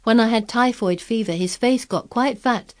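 A woman's voice: a little high, moderate pace, pitched above the performer's own voice, close to an everyday voice. A woman reading aloud, voicing a sickly, spoiled boy who talks restlessly and resentfully.

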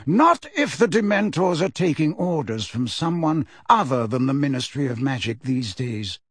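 A man voicing an elderly wizard who speaks calmly, lightly and clearly in an audiobook. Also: high-pitched, a little slow, no echo, pitched above the performer's own voice, full character voice. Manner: calm, light, quiet but clear. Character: calm, wise elderly wizard headmaster.

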